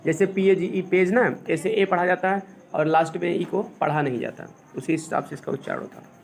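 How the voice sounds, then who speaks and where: A man from India with a fairly high voice teaches a class, walking through grammar step by step and dictating English sentences slowly. He asks the class questions as he goes. Faint noise sits under the recording. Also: fairly even intonation. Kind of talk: classroom lesson.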